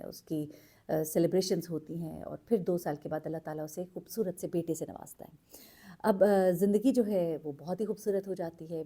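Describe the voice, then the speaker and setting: A woman narrating a true story in an earnest, unhurried way, pausing with fillers as she goes. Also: fairly low pitch, warm tone, breathy edge. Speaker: storyteller host.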